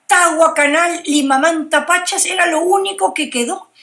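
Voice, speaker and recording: Speaking at a moderate pace in a very high-pitched, slightly bright voice, a woman from Peru offers her views as an academic interviewee. Her Peruvian Spanish accent comes through as she reflects aloud and keeps seeking agreement with tag questions.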